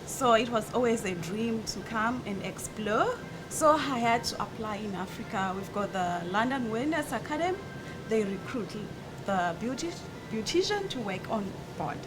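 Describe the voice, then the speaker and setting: A woman, a spa beautician, speaking softly and in a measured way. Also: lively intonation, over music, low-quality recording. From Zimbabwe. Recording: rumble behind.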